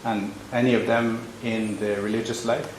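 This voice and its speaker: A man interviews his priest with plain, friendly questions. His voice is on the low side. The room sounds roomy, with faint ambience behind him. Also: little pitch movement, moderate pace, background noise. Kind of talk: parish interview.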